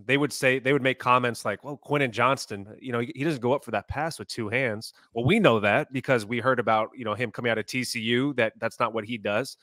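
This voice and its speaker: A man co-hosting a sports podcast, recounting plays fast and with animated exasperation. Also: medium pitch, no echo, studio quality. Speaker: podcast co-host.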